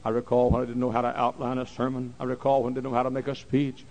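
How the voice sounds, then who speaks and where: A man with a mid-range, monotone voice preaches a sermon, repeating phrases as he swings from slow, quiet speech to loud shouting.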